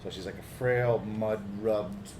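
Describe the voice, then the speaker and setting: A man's voice: lowish voice, fairly even intonation, measured pace. A man narrating as game master, describing scenes casually with fillers. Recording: echoey room with background noise.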